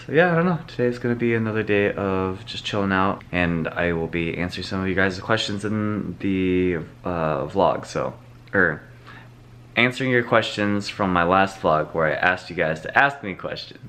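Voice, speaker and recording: A man's voice: low voice, lively intonation, normal speed, fairly bright tone. A young man chatting casually in a daily vlog, laid-back and rambling, with lots of fillers. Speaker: vlogger.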